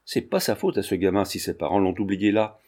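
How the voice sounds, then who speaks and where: A man reading a storybook, voicing a gruff but kindly old army sergeant who scolds and blusters. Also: sits low, expressive, fairly quick, a little mellow, heavily acted. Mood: scolding. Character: gruff, good-natured old army sergeant park keeper.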